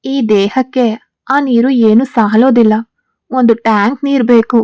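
An arrogant, teasing gang boss husband in a spoken romance story, read by a woman. The voice sits fairly high with a mellow, dark tone. The sound is dry and close. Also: fairly even intonation, a little slow, no room sound, close to an everyday voice.

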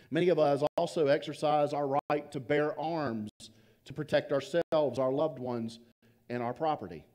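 A man preaching a sermon as pastor, telling stories and trailing off softly to drive his points home. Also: fairly high pitch. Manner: storytelling, trailing off softly for emphasis.

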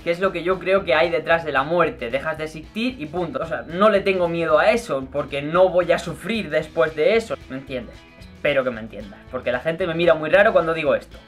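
In his bedroom, a young Murcian YouTuber films a relaxed Q&A vlog, talking right up close to the camera over faint background music. His fairly bright, slightly high voice carries only a light trace of his Murcian accent, which he largely suppresses on camera. Playful and talkative, he laughs readily and gestures constantly as he answers questions.

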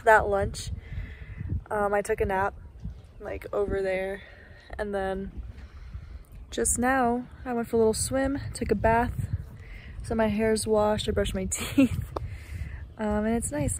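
A woman's voice: mid-range voice, a little slow, pauses often, a little hiss or hum. A young woman chatting casually in a travel vlog, talking into a phone held at arm's length outdoors. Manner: chatty, relaxed, with fillers and likes. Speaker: vlogger. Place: outdoors at a lakeside forest campsite.

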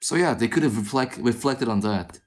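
A man's voice: mid-range voice, fairly quick. A man from South Korea with a Korean accent, talking casually as a podcast guest, rambling with many fillers and trailing into mutters. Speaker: guest film critic.

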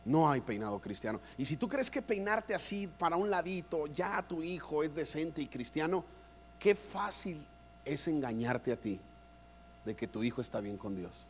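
Male speaker, fairly high-voiced, giving a playful, joking sermon to a church crowd. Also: sing-song, moderate pace, in a large hall, slight background noise. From Mexico. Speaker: conference speaker. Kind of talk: humorous preaching. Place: church conference hall.

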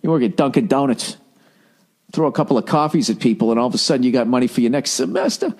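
This middle-aged podcast host from the United States talks fast and animatedly, his tone on the darker side. Reading listener letters, he rants out blunt advice full of swearing and mocks people with put-on voices pitched higher than his own.

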